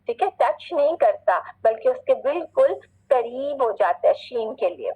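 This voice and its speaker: In narrow, tinny, slightly rough audio, a woman with a somewhat high voice and lively intonation runs an online class on reciting the Quran. She checks in with students frequently and repeats things patiently. Arabic words are recited slowly and drawn out.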